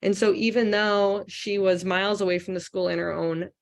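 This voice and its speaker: A woman's voice: medium pitch, fairly even intonation, moderate pace, vocal fry. A woman teacher speaking earnestly and reflectively at a conference, with frequent restarts. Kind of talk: conference talk. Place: conference hall.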